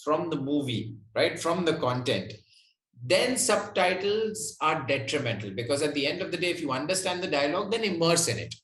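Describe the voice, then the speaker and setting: The voice belongs to a man answering questions as an interview guest, a little high and fairly bright in tone. He explains conversationally, frequently checking in with the listener, and the sound is roomy with an echo.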